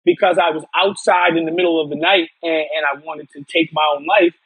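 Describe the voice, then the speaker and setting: A man's voice: on the high side, steady tone, brisk, fairly bright tone, husky, dry recording, low-quality recording. A man from upstate New York, a podcast guest telling his personal story earnestly, often restarting and repeating words.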